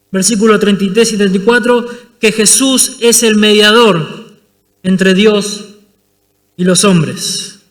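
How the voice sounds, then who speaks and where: High, bright-voiced Argentine pastor preaching. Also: male voice, in a large hall. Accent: Argentine Spanish. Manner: dramatic storytelling, acting out scenes. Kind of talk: sermon.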